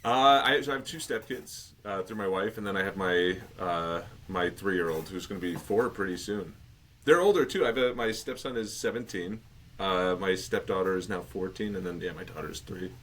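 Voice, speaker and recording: A man's voice: deep voice, animated, moderate pace, a bit bright, slight background noise. A man, perhaps in his thirties, chatting casually and agreeably. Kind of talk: casual chat.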